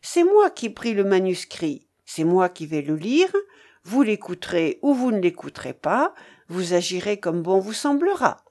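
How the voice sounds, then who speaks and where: A woman's voice: medium pitch, very animated, a little slow, a little mellow. A woman reading aloud and voicing a cunning female servant who coaxes and persuades her master. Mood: coaxing. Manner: coaxing, persuasive.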